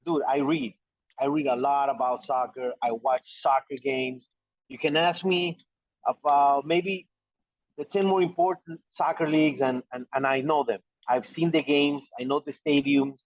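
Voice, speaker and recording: A man with an Ecuadorian Spanish accent talks about soccer over a video call. His voice sits a little high, and it comes through a dull, lo-fi line. The sound is dry and close, with no room around it. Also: steady tone, moderate pace, no echo. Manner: repeats words, friendly and self-assured. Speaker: soccer correspondent guest. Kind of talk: casual podcast chat.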